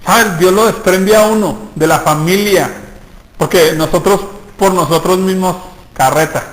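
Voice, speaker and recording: Man, pastor, high voice, sermon, echoey hall. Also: measured pace, a bit bright. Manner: storytelling preacher, acts out quoted voices, shifts pace often.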